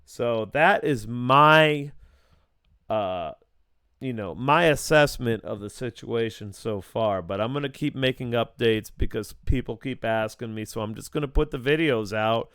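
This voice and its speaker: A man's voice: fairly low pitch, normal speed, clean tone, dry recording, clean studio sound. A man giving an informal, unscripted weather forecast as an amateur, thinking aloud in a plain-spoken, opinionated way. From Southeast Florida, US.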